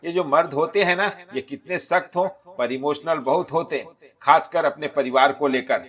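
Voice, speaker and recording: A man's voice: fairly high pitch, moderate pace, voice pushed up, lightly acted. A man voicing a caring young married woman who earnestly advises her friend like an elder sister, in a storybook narration. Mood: advising. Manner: earnest, persuading, gently scolding.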